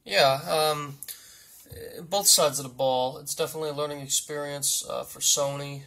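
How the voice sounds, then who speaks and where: Man acting as a blunt football coach, creaky forceful voice, halting, rambling, repetitive, mock press conference. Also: fairly high pitch, steady tone. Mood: halting, matter-of-fact.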